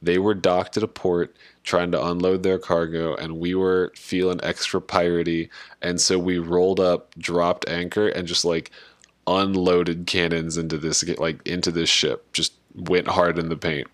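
A man's voice: sits low, flat delivery, a little slow, no echo. A man co-hosting a podcast in natural unscripted talk, chatting casually in a jokey, self-mocking way. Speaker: podcast co-host.

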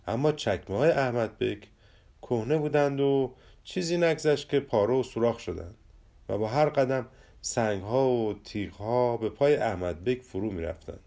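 Dark-voiced man telling a storybook tale. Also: medium pitch. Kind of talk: storybook narration.

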